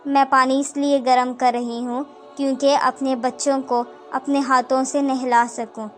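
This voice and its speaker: A woman reading the lines of a dying young mother who speaks gently and tearfully. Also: high voice, flat delivery, soft background music, close to an everyday voice. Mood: tender, tearful.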